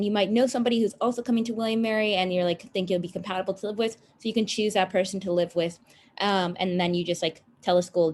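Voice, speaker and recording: A woman's voice: mid-range voice, darkish tone. A young woman with a mid-range voice explains things step by step in a casual, friendly way. A faint hum of ambient noise sits behind her on the video call. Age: young adult. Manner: explanatory, frequent "like". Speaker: student panelist. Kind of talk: casual panel talk.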